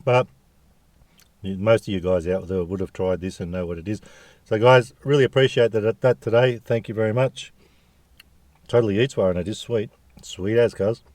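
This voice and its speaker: A man's voice: lowish voice, fairly even intonation, a little fast, darkish tone, no echo. A man with an Australian accent chatting casually to viewers as a food review vlogger, jokey and full of slang.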